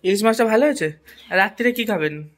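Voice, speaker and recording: A woman's voice: medium pitch, expressive, fast. A woman hosting a casual family vlog at a home meal, chatty and teasing as she talks to viewers. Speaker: vlogger host.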